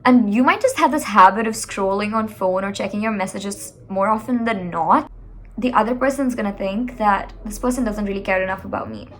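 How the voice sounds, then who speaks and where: A woman coaching communication skills, giving motivational advice in an expressive, animated way, speaking straight to the viewer. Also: medium pitch, brisk, slight background noise.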